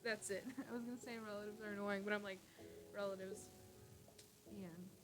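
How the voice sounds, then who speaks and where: A woman's voice: medium pitch, steady tone, fast. A young woman chatting casually on a livestream from her room, giggling and trailing off into tangents with lots of fillers. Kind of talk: casual rambling storytelling. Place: at home, own room. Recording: livestream with background music. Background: music playing.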